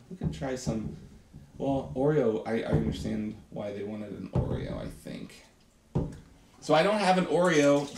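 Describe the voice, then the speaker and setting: A man's voice: medium pitch, a little mellow, slight background noise. Enthusiastic man teaching science in kitchen. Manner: enthusiastic, chatty, talks to viewers. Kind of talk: live science demonstration. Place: home kitchen set, indoors. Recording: roomy kitchen echo.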